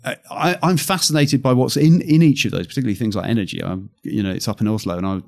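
A man's voice: medium pitch, fast, creaky, darkish tone. A man, an accelerator executive, talking through his ideas in a casual interview with frequent restarts and fillers. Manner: thoughtful, with many restarts and fillers.

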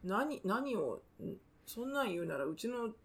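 Fast-talking woman with a gravelly voice. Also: a little high, big pitch swings. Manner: frequent short agreeing replies, quick frank comments. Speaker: podcast co-host. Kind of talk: casual podcast chat.

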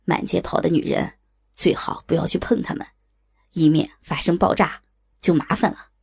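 A woman voicing a pushy, smooth-talking man who speaks in a low, half-whispered coaxing way. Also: moderate pace, darkish tone.

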